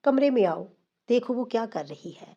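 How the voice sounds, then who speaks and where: A woman's voice: a little high, animated, vocal fry, dark tone, dull audio, voice pushed up. A woman voicing an angry, domineering older mother who scolds her son. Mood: urgent.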